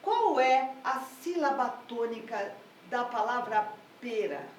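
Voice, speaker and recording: Slow, high-voiced woman music teacher. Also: expressive, slight background noise. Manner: slow, patient, explaining step by step. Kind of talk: explanatory lesson. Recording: echoey room, mic at a distance.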